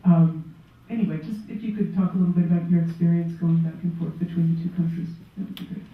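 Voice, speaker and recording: A woman's voice: on the low side, level tone, fast. Tinny, echoey woman moderating a panel. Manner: long hesitant questions with many ums. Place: bookstore event room. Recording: tinny, echoey sound from far off.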